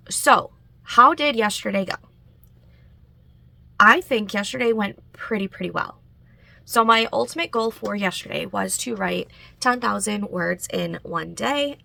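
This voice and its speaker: A writing vlogger chats casually, her medium-pitched voice pushed and bright with vocal fry and no echo. She sounds a bit congested and nasal, filling her talk with frequent fillers and little laughs.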